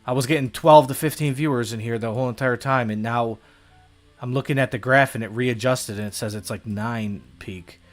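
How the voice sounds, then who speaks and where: An American streamer with a medium-pitched voice chats casually on a livestream while playing, talking at a normal speed with faint music behind him. He rambles, hesitates, and pokes fun at himself.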